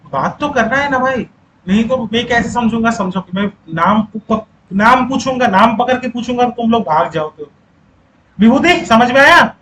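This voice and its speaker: Guy teaching a class, really high voice, keeps repeating stuff and asking if everyone got it, faint hiss behind. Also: expressive, moderate pace, pushed and bright, poor audio. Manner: repeats key points and quizzes the class; coaxing students to speak up.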